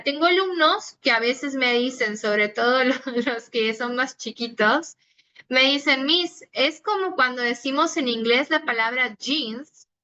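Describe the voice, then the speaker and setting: A woman whose first language is Italian explains pronunciation slowly and patiently to her students, pausing to ask if everyone is following. Her voice is bright and a little high. It comes through as a dull phone recording of a video call. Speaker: Italian teacher. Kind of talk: online language class.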